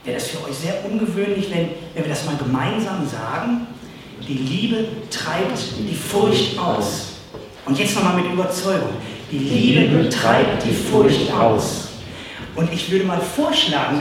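A man preaching a sermon, earnest and emphatic, slowly repeating his key phrases for the congregation. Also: high voice, background noise. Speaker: pastor. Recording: echoey distant hall recording.

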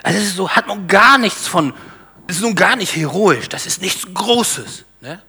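A man with a high voice delivers a sermon from the pulpit. He asks the congregation rhetorical questions and drops into low, muttered asides between his emphatic lines. His high register carries his strongest points. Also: lively intonation, normal speed, creaky, pushed and bright, husky. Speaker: preacher.

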